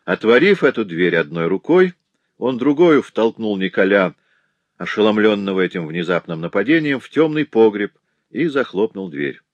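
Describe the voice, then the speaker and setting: Deep-voiced man narrating an audiobook. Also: animated, normal speed, no echo, muffled recording. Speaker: audiobook reader.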